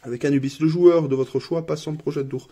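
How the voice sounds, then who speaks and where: A man's voice: a little high, fairly even intonation, quick pace, dark tone, slightly rough. A man from France casually unboxing a family board game at home, reading cards aloud and laughing at his own English accent.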